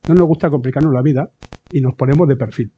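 A man's voice: medium pitch, fast talker, dark tone, a little hiss or hum. A man giving a conversational church sermon, often adding tag questions and acting out quoted voices. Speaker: preacher. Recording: dull lo-fi sound.

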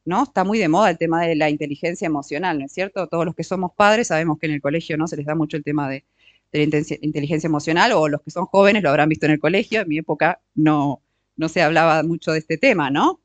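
A middle-aged woman teaching a workshop on marriage and emotions, often checking in with her listeners with short questions and slowing down on key words. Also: deep voice, no echo. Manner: slows down to stress key words. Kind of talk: teaching talk with audience interaction.

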